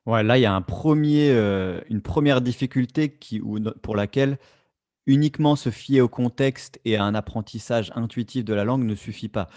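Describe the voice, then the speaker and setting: A man's voice: medium pitch, moderate pace, a little mellow, no room sound. A man co-hosting a casual podcast, thinking aloud and often restarting his phrases. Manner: reflective, restarts phrases, many fillers. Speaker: podcast co-host.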